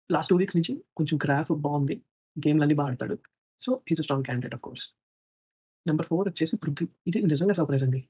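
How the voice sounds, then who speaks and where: A man's voice: fairly high pitch, slightly rough, dry recording, dull audio. A man giving opinionated, sarcastic commentary on a reality show in casual video style. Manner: opinionated, sarcastic, fast-talking.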